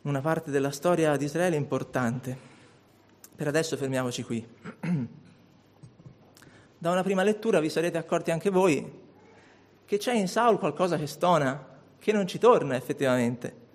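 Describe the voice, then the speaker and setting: A man preaching a sermon in a church, reading a Bible passage aloud in a measured, deliberate way. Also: fairly high pitch.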